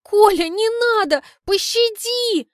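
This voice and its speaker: A shrill young heroine in an audiobook, her voice shooting high and swinging wildly as she wails in dramatic despair, as a woman reader puts her on. Every line lands as a theatrical outburst, recorded close and dry. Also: expressive, takes it slowly, dry recording, full character voice. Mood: pleading. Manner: wailing, melodramatic outbursts.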